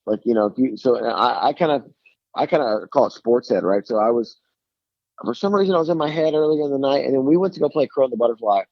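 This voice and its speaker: A guest musician from Tennessee with a thick Southern accent phones in from his lakeside home for a casual interview, telling rambling, self-mocking stories with many restarts. His medium-pitched voice is quick, with vocal fry, on a dry, dull-sounding recording.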